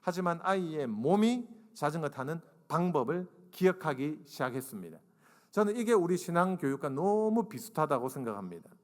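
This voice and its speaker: Animated male preacher in a reverberant church. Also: a little high, moderate pace. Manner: animated, acts out dialogue and asks the congregation to raise hands. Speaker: guest preacher and seminary professor. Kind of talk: humorous storytelling sermon. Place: church sanctuary. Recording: long reverb of a church sanctuary.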